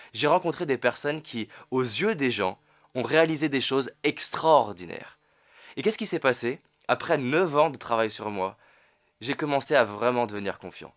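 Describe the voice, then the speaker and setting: A man's voice: medium pitch, a bit bright. A young man presenting a confidence course, speaking earnestly to the viewer and asking rhetorical questions. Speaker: confidence coach.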